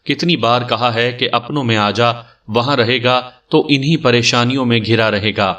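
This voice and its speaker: A man's voice: mid-range voice, steady tone, a bit bright, distant mic, natural voice. A man voicing an elderly, doting eunuch elder who wails and fusses in exclamations. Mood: tender coaxing. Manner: wailing, fussing exclamations.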